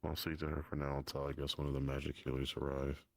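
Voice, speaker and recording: Very deep, monotone, gravelly man. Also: fast talker, no room sound, studio quality. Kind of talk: in-character role-play chat.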